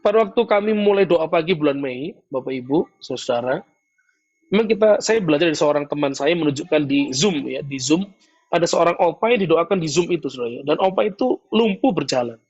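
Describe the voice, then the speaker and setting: A male pastor preaching a sermon, telling stories with lively acted-out dialogue. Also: a little high, brisk, highs cut off. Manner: animated storytelling, acting out voices in his stories.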